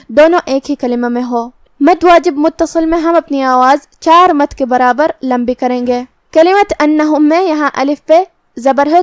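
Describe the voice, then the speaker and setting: A woman gives a step-by-step tajweed lesson, explaining how each letter is pronounced in a measured, careful way. Her voice sits high and is recorded dry and close. She stretches out the words slowly when she demonstrates the recitation. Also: dry recording. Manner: slow, careful, instructive explanations with drawn-out recited examples. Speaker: Quran recitation teacher.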